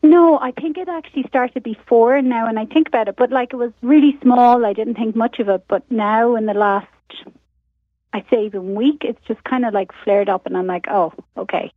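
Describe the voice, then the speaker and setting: An Irish woman calls in to a radio show, her voice squeezed thin through a phone line. She talks casually and chattily, dotting her sentences with "like", in a fairly high voice. The line is dry, with no room sound around her. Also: moderate pace, no echo. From Ireland. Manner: chatty and casual, with frequent fillers like "like". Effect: caller heard over a phone line. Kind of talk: casual chat.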